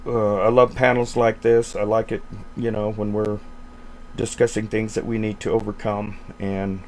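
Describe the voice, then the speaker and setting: A man on a livestream panel who does ministry work, talking slowly and easily, clearing his throat now and then. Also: on the low side, little pitch movement, slight background noise. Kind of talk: casual livestream panel talk.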